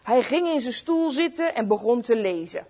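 A woman reading a Christmas story aloud to children, slow and expressive, speaking to her listeners. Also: a little high.

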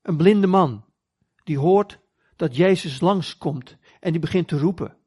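A man's voice: on the high side, unhurried, a little mellow, husky. A man preaching a sermon, retelling scripture stories earnestly and acting out the voices in them. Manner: earnest storytelling, acts out quoted voices.

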